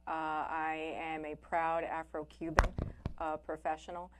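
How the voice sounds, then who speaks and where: A woman's voice: sits low, little pitch movement, measured pace, heavy background noise. A woman attorney, a native Spanish speaker, speaking as an interview guest, polite with frequent fillers. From Puerto Rico, raised in Miami.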